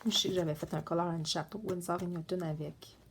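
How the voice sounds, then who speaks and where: A woman's voice: lowish voice, steady tone, brisk, a little hiss or hum. A woman chatting casually in a show-and-tell vlog, meandering with many fillers and restarts. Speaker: coloring book vlogger.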